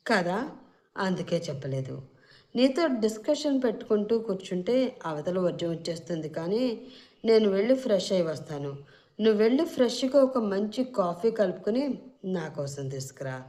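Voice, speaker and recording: A woman's voice: medium pitch, very animated, normal speed, warm tone, natural voice. A woman voicing a feisty young bride who gives curt orders and threats. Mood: bossy. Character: bossy feisty young bride, sharp-tongued.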